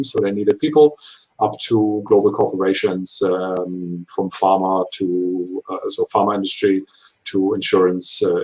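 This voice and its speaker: A man of 39 who is not a native English speaker gives interview answers in halting, imperfect English full of hesitations. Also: low voice, low-quality recording. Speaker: HR professional being interviewed.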